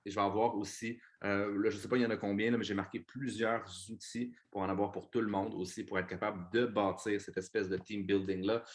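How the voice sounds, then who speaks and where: Energetic Québécois man coaching his team. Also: lowish voice, fairly quick, hardly any pauses. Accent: Québécois French. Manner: energetic, swears casually, mixes in English words. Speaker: team leader presenting to his business team. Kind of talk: motivational coaching talk.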